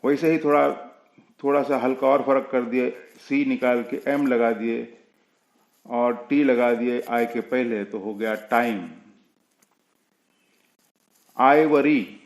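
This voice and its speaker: A man gives a language lesson at an unhurried, deliberate pace, spelling words out letter by letter. His voice sits at a middle pitch and carries a noticeable echo from the room around him. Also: steady tone. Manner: slow, patient explaining, spelling words out letter by letter. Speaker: English teacher.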